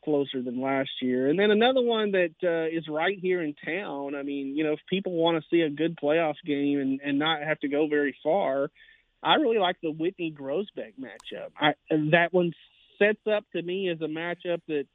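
A man, a sports writer guest, talks high school and college football in a rambling way, full of fillers and restarts. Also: normal speed, dry recording. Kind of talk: casual sports talk. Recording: tinny phone line.

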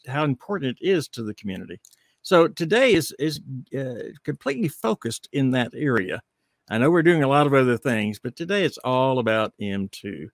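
A man hosting an unscripted live panel show in a halting way, repeating words for emphasis. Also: mid-range voice, no room sound, studio quality. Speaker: host.

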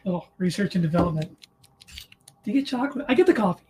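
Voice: mid-range voice, lively intonation, fast, darkish tone, slight background noise. A podcast co-host chatting casually over beers, rambling through anecdotes and correcting themselves as they go.

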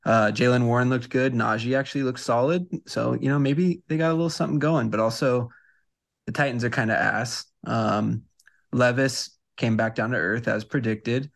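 Gravelly-voiced man in casual sports chat. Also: medium pitch, steady tone, moderate pace. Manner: easygoing, agreeable, hesitant fillers. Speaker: podcast co-host.

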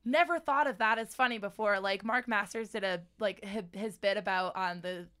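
A woman's voice: mid-range voice, moderate pace, sharp tone. Casual woman hosting a chat. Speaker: podcast host.

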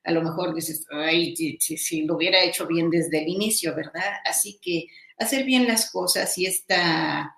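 Animated woman hosting a chat. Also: lowish voice, moderate pace, creaky, few pauses. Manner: reflective, animated, with laughs and filler "¿no?". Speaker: host. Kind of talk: casual chat. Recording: roomy echo.

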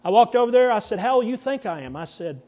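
A pastor in his 50s tells a personal story during a sermon, animated and voicing the people in it. His male voice is extremely high-pitched and fast.

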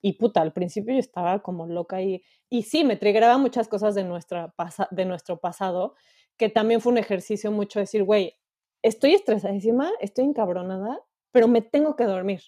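A woman's voice: mid-range voice, fairly quick, warm tone. A Mexican woman in her thirties, co-hosting a podcast in candid, emotional casual chat, swearing freely. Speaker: podcast co-host.

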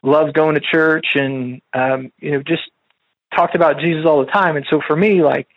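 A man's voice: fairly high pitch, steady tone, moderate pace, no echo. Man telling a faith testimony, muffled radio sound. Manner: casual, rambling, many fillers and restarts. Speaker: speaker sharing a faith testimony. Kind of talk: personal testimony storytelling.

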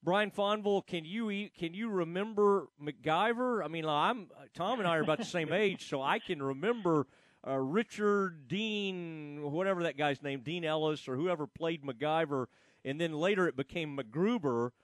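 A man hosting a casual sports radio chat, talking in a rambling, halting way with frequent false starts. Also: fairly high pitch, no echo.

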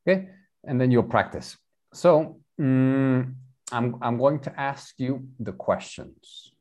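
Male English tutor, patient, lively pitch. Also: slow. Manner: patient, switches between English and Spanish, repeats and explains. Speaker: English teacher. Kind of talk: online bilingual English lesson.

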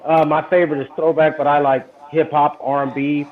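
A man's voice: on the high side, flat delivery, fairly quick, phone-quality sound. A man from the United States, a guest DJ chatting casually and easily. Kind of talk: casual chat.

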